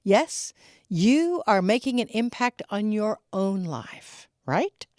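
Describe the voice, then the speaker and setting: A middle-aged woman giving an inspirational spiritual talk, slow and reflective, with laughs between her stories. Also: mid-range voice, sing-song, darkish tone, no echo, studio quality.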